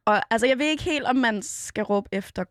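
A woman from Denmark hosting a casual radio chat, telling stories in an animated way. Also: on the high side, dry recording, studio quality. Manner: animated, chatty storytelling with fillers. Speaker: radio host.

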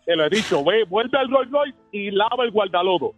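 A boastful rich man phones in, swaggering and tossing out insults, as a man puts him on. His fairly high voice comes through a thin, phone-like line. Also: lively intonation, moderate pace, faint music behind. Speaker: caller.

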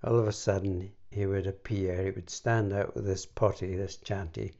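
An older Scottish man reminiscing about his youth, speaking haltingly with many fillers and restarts. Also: low voice, fairly even intonation, dark tone, lo-fi sound. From Scotland. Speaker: interviewee. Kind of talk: reminiscing conversation.

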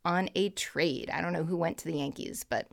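A woman's voice: fairly low pitch, fairly quick, vocal fry. A woman co-hosting a podcast, chatting casually about baseball in a rambling, laughing way. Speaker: podcast co-host.

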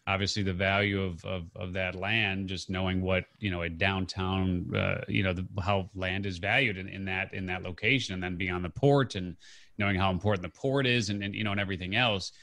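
Low-voiced rambling male host. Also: fairly even intonation, a little fast, gravelly, fairly bright tone. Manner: rambling, frequent fillers and backtracking. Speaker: podcast host. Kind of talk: conversational interview.

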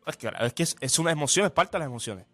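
A man co-hosting a sports talk show who chimes in quickly with examples from sports. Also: a little high, lively intonation, sharp tone, faint music behind. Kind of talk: radio sports talk chat.

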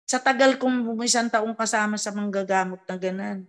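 A middle-aged woman, a mother who works as a folk healer, chats with her family in a relaxed way. She tells her stories with energy and slips into the voices of the people she quotes. Her voice sits at a middle pitch for a woman. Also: normal speed. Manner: animated storyteller who acts out quoted dialogue. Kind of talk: casual family chat.

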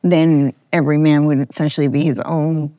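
A woman's voice: deep voice, little pitch movement, moderate pace, mellow, no room sound, dull audio. A woman hosting a casual conversational podcast interview, thinking aloud in a tentative way. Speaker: podcast host.

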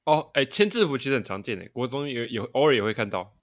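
A young man co-hosts a casual podcast chat, speaking fast in an animated, medium-pitched voice. He tells stories and often laughs mid-sentence.

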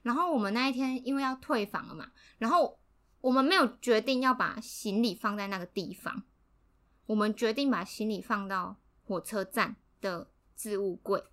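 A young adult woman telling a story in a casual podcast chat, animated, laughing often and acting out what people said. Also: medium pitch, moderate pace. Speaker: podcast co-host.

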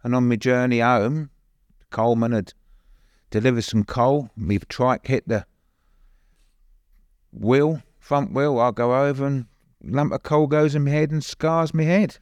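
A man's voice: medium pitch, steady tone, a little slow, a little mellow, clear, resonant tone, no echo. An older man with an East London accent, recollecting plainly as an interview guest, often adding "you know". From East End of London, later Suffolk. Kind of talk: conversational personal recollection.

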